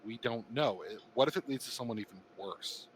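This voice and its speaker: A man on a casual podcast stream, recounting things in an animated way and stumbling over words now and then. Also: medium pitch, fairly quick, a little hiss or hum, poor audio. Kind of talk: casual group chat on a stream.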